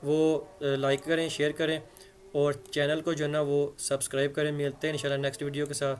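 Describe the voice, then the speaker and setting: Male grammar teacher, a bit high-pitched, chatty explainer who spells words aloud. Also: completely flat delivery, a little fast. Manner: conversational, checks understanding with repeated "theek hai". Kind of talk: explanatory lesson in Hindi-Urdu.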